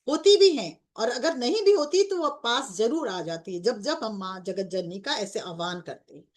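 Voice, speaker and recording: A woman guiding a group meditation in a devotional tone, with English words mixed into her speech. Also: on the high side. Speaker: meditation guide. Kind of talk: guided meditation.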